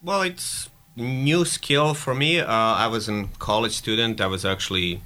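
A man in his thirties from Bosnia and Herzegovina, a guest answering interview questions in a relaxed way with loose, non-native phrasing. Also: medium pitch, normal speed. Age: 30s. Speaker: director of operations, guest.

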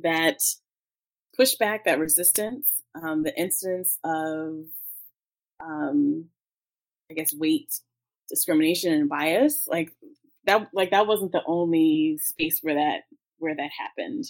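A woman telling her story in an interview, talking through tears, halting with many fillers. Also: low voice, poor audio. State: tearful. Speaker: guest.

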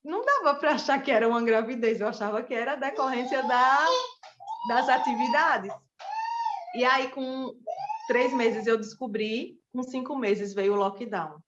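A woman's voice: fairly high pitch, moderate pace, highs cut off, noisy background. A woman who teaches pole dance and runs a small business, telling her personal story earnestly and speaking straight to her listeners. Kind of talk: personal testimony.

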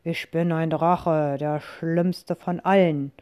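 A woman's voice: sits low, steady tone, slow pace, darkish tone. A woman voicing a greedy, boastful male dragon, cowardly at heart, with gloating speech while reading a rhyming picture book aloud.

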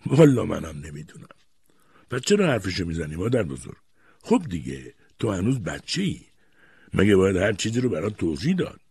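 A man voicing a gentle, kindly old grandmother who speaks softly and coaxingly. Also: low-pitched, sing-song, vocal fry, slightly rough, exaggerated voice. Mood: wry. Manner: soft, coaxing.

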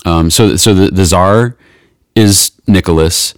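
A man's voice: deep voice, slow, dry recording, studio quality. A man hosting a casual podcast chat, explaining a story in a rambling way with many restarts. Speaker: podcast host.

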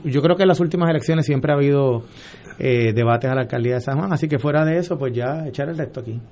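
A man's voice: medium pitch, quick pace, darkish tone. Puerto Rican man, hesitant interview guest. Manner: hesitant, with many fillers. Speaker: political candidate guest. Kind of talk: interview answers.

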